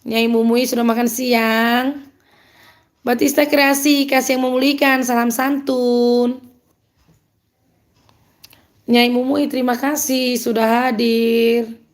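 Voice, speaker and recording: A woman's voice: on the high side, flat delivery, slow, long pauses. Upbeat woman with a Medan accent. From Medan, North Sumatra. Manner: upbeat and chatty, laughs often. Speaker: live streamer. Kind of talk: live-stream chat reading out viewer comments.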